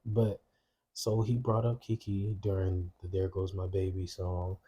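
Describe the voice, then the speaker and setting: A man with a deep, very dark voice and a husky edge. He talks in a laid-back, casual way, hedging his points as he explains. He is speaking quietly at home late at night. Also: completely flat delivery, measured pace. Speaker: podcast co-host. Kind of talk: casual chat. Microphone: podcast mics.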